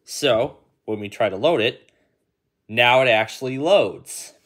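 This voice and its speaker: A man of medium pitch and fairly bright tone talks slowly while hosting a casual indoor tutorial, demonstrating an app hands-on and thinking aloud along the way.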